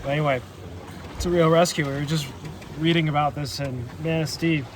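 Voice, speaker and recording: A man's voice: on the high side, fairly even intonation, fairly quick. A man narrating casually for a sailing vlog, recorded outdoors on a boat under way. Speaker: sailing vlogger. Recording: loud boat and water noise.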